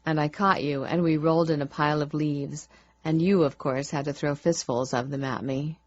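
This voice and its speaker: Gentle steady man, read by a woman, low and slow, dull lo-fi sound. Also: no room sound. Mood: tender.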